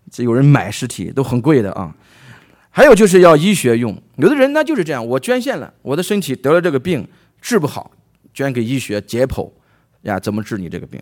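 A man's voice: medium pitch, darkish tone. A male preacher from China gives a Bible sermon, retelling the story with rhetorical questions to his listeners.

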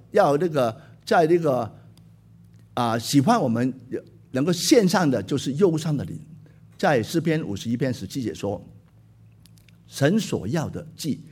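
A man's voice: fairly high pitch, darkish tone, slightly rough. A man preaching a sermon, emphatic, repeating key words and exclaiming often.

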